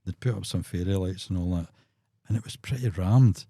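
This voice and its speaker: A man's voice: low-pitched, fairly quick, mellow, dry recording, clean studio sound. A Glaswegian man in his sixties, a musician guest on a podcast, telling road stories with chuckles and acted-out quotes. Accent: Scottish, Glaswegian. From Scotland. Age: 60s. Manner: chuckling raconteur, acts out quotes. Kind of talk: anecdotal storytelling in a podcast.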